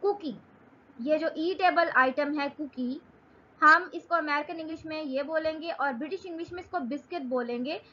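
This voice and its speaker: Bright-voiced Pakistani woman teaching English. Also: sits high, highs cut off. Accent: Pakistani Urdu. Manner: reads English definitions slowly, then explains in Urdu. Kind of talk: recorded online lesson.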